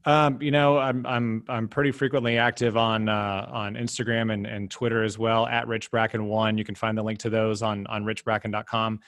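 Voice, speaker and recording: A man speaking as a podcast guest, emphatic and animated, his pitch jumping up when he drives a point home. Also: normal speed, hardly any pauses, dry recording, clean studio sound. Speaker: guest, business development director. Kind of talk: casual podcast interview.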